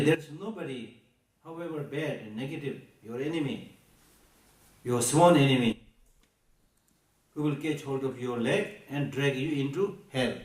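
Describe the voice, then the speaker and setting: Tibetan accent guy giving a buddhist talk, emphatic and deliberate, repeats himself, echoey room, bit far from the mic. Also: mid-range voice, a little mellow. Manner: deliberate, emphatic, repeats key phrases, poses rhetorical questions. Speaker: Buddhist teacher. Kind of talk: Buddhist teaching to a live audience. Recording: echoey room, recorded from a distance.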